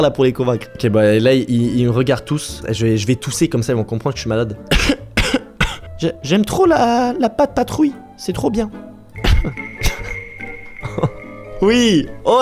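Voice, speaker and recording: An excitable man commenting live on his gameplay, talking straight to his viewers. His pitch jumps up and down in lively swings, and he breaks into laughter often. A little music plays faintly underneath. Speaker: gaming YouTuber host.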